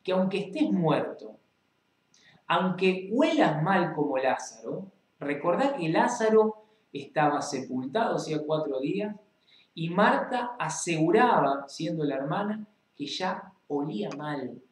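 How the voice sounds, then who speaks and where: Rioplatense male preacher, fairly high voice, reads scripture and speaks straight to the listener, roomy echo. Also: big pitch swings, measured pace. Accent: Rioplatense Spanish. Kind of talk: Bible reading and preaching.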